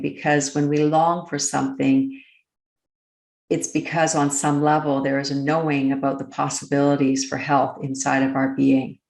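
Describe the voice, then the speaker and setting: Leading a slow, unscripted meditation, this woman has a very deep voice with a pronounced creak. Her delivery is soft and measured, broken up by lengthy pauses, while the recording carries a noticeably reverberant, roomy quality.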